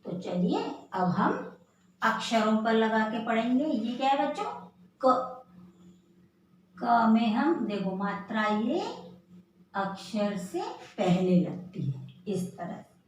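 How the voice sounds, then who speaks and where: Slow, patient woman teacher in an echoey room. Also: on the high side, animated. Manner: patient, repeats and sounds out letters syllable by syllable. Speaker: primary school teacher. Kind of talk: slow, drawn-out classroom lesson for young children. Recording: echoey room, voice from far off the mic, faint room noise.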